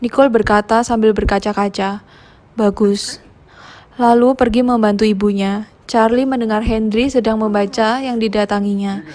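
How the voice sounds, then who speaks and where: A woman's voice: a little high, a little fast. Woman narrating a film recap. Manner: plain, steady retelling with a brief casual aside at the end.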